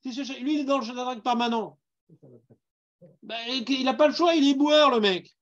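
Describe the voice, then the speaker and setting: A man's voice: extremely high pitch, moderate pace, a bit bright, highs cut off. A man with a Parisian accent teaching a Talmud class, putting questions to his students and mixing in Hebrew terms. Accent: Parisian French.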